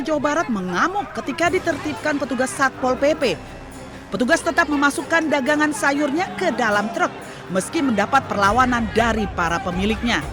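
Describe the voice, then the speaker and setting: A woman reads scripted news narration as a television reporter. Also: sits high. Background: music under the voice.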